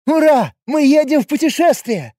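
A man voicing an excitable, cheerful young woman who squeals with delight. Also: very high voice, drawn-out words, no echo, studio quality, pitched above the performer's own voice, exaggerated voice. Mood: gushing delight.

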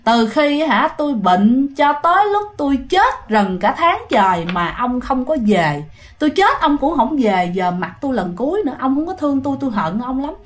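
A woman's voice: sits high, sing-song, normal speed, voice pushed up. A woman voicing the bitter, scolding spirit of a dead young woman in a told ghost story. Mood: resentful. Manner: scolding, blunt.

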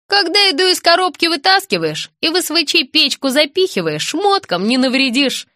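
A woman's voice: high-pitched, very animated, normal speed, sharp tone, no echo, studio quality, voice pushed up, heavily acted. Woman reading a sardonic grumbling student. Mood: mocking. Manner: mocking, muttering.

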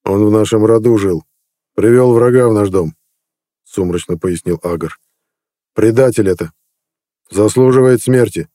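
A man voicing a gloomy, hardy male warrior who speaks gruffly and plainly. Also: on the low side, normal speed, pauses often, mellow, no room sound, clean studio sound, close to an everyday voice.

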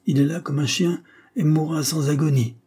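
A man's voice: fairly high pitch, fairly even intonation, moderate pace, warm tone, slightly rough, voice pushed up. A man voicing a sneering, self-important doctor who speaks with contempt. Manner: cutting, contemptuous.

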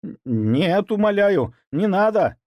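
A man's voice: sits high, animated, moderate pace, no room sound, lo-fi sound, pitched above the performer's own voice. A man voicing a frightened young male servant who stammers and pleads. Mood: frightened pleading. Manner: stammering, whimpering.

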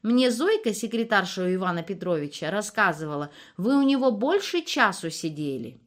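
A woman's voice: mid-range voice, big pitch swings, normal speed, natural voice. A woman voicing a nosy, cheeky young village nurse who talks chattily and coquettishly. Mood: chatty, prying.

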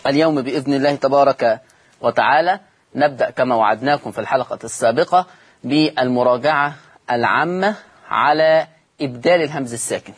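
A man with an Egyptian Arabic accent teaching Quran recitation in a televised lesson, repeating points slowly and putting questions to his listeners. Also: mid-range voice, husky.

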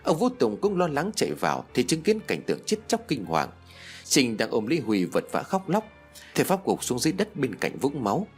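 A man's voice: mid-range voice, wildly swooping pitch, a little fast, faint music behind. A man reading a ghost story aloud in dramatic, scripted narration. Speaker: audiobook narrator.

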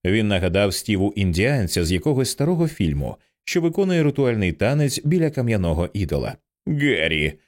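A man narrating an audiobook with an expressive, dramatic reading. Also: lowish voice, fairly quick, hardly any pauses.

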